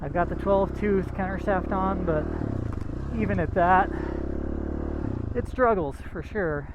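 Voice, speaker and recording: High-voiced man vlogging from a dirt bike. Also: takes it slowly, highs cut off. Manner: breathy, out of breath at times, talking while riding. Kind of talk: casual commentary while riding. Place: outdoors on a mountain trail, on a dirt bike. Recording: loud engine and wind noise.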